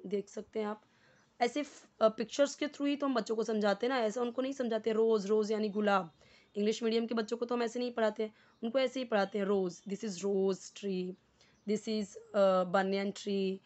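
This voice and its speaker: An Indian woman teaching a beginner's English lesson, mixing Hindi and English, reading English slowly and explaining each word. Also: fairly high pitch, steady tone, darkish tone. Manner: slow, deliberate when reading English, quicker in Hindi explanations; explains word by word, repeating for learners.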